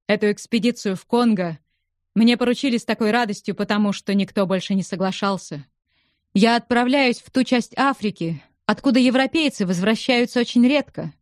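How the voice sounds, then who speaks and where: A woman reading the part of a reserved, stern male explorer in a low, restrained voice for an audiobook. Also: fairly quick, no echo, clean studio sound, lightly acted. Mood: grave, restrained.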